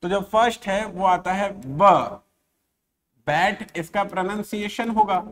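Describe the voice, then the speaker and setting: A man teaching an exam-prep English grammar lesson, sounding out letters and words slowly and checking often that his students follow. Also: high-pitched, steady tone.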